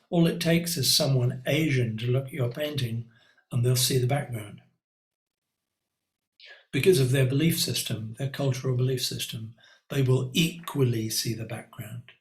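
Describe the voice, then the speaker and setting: Man teaching painting over a roomy call. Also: medium pitch. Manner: reflective, conversational, lots of ums and self-asides. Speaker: art teacher. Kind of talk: live online painting class. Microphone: computer mic on a video call.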